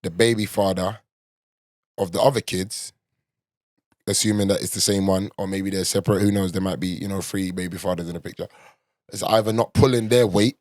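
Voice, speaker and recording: A man's voice: low-pitched, fairly even intonation, a little fast, darkish tone, no room sound, studio quality. A man with an urban London accent, talking like a roadman in casual, opinionated, slang-heavy and sweary chat. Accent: London, urban street.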